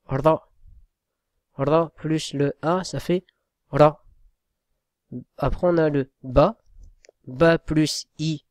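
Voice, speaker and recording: A man teaches Arabic reading in a slow, patient spoken lesson. He spells each sound out letter by letter and keeps checking that his listeners follow. His voice sits a little high and sounds dry and close to the mic. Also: darkish tone, no room sound.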